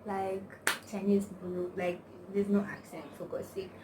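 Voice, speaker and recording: Speaking in a monotone at medium pitch and moderate pace, a young Nigerian-accented woman vlogs casually to camera. She rambles through her stories with lots of slang and constant "like", and the recording is noisy with a distant mic.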